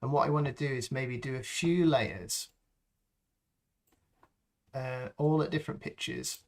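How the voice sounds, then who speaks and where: Male host, mid-pitched, slow and gravelly, talks through an unscripted tutorial as he works. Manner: slow, thinking aloud as he works, with frequent ums. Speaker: live stream host demonstrating sound design.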